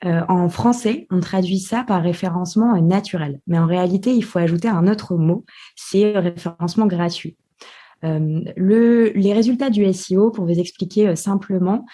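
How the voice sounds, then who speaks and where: A woman's voice: mid-range voice, moderate pace, warm tone, slightly rough. A woman guest in a podcast interview, explaining carefully with many hesitations. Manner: hesitant, many filler sounds, methodical explaining. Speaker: podcast guest, marketing specialist.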